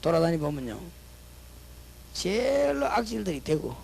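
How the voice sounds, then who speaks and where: High, gravelly Busan-accented preacher. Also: male voice, very animated, normal speed, poor audio. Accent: Gyeongsang (Busan) Korean. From Busan, South Korea. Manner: swings between loud proclamations and chatty, joking anecdotes. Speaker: pastor, guest preacher. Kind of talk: sermon.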